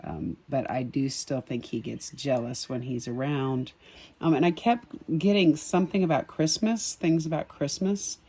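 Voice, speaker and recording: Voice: medium pitch, unhurried, slightly rough. Rambling, musing sketch-artist vlogger. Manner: rambling and musing, with many ums and soft chuckles. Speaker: sketch artist and empathic reader. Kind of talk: casual commentary on a drawing. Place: outdoors on a spring evening.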